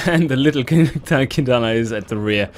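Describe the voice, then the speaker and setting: A man hosting a let's play, commenting casually on his gameplay, animated and quick to swear and laugh in frustration. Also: medium pitch, slight background noise.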